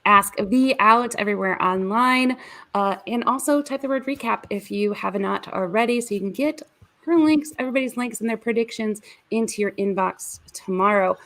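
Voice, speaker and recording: A woman co-hosting a casual video-call chat, talkative and quick to laugh, with rambling asides. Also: medium pitch, fairly bright tone. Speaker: podcast co-host.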